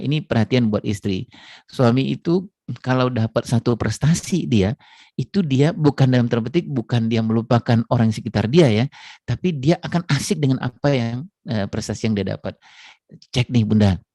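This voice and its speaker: A man giving a relaxed, chatty parenting talk with a religious flavor. He talks directly to his listeners and keeps circling back with tag phrases. His voice is mellow and gravelly, recorded in a dry, close setting. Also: medium pitch, no room sound. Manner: casual, chatty, many fillers and repeated tag phrases; addresses audience directly. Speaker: parenting speaker.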